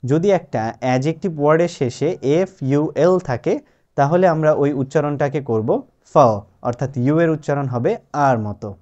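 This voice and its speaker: A man's voice: fairly high pitch, dark tone. Man teaching spelling, patient, lo-fi sound. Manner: patient, repeats example words slowly and clearly. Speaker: English teacher. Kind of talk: spoken lesson, explaining step by step. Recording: dull lo-fi sound.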